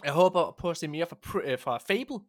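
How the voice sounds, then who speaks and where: A man co-hosting a casual podcast chat, telling stories with lots of animation. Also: fairly high pitch. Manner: animated storyteller, acts out voices. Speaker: podcast co-host.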